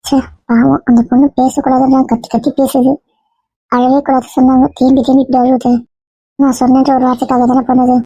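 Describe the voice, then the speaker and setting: A woman's voice: high-pitched, level tone, a little fast, mellow, slightly rough, dry recording. A woman voicing a caring young sister-in-law who speaks in a pitying, scolding monologue. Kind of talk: Tamil family drama dialogue. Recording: dull dry lo-fi recording.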